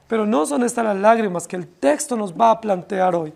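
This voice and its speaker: A pastor from Colombia preaching an impassioned, pleading expository sermon to his congregation, often dropping his voice low on key words. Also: lively intonation, normal speed, gravelly, a little mellow. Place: church congregation.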